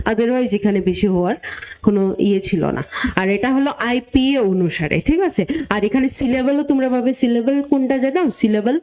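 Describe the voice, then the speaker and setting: A woman teacher from Tripura, India, explains a classroom lesson step by step in Bengali, mixing in English terms and often checking in with her students. Her voice is on the high side and a little mellow. The recording is muffled.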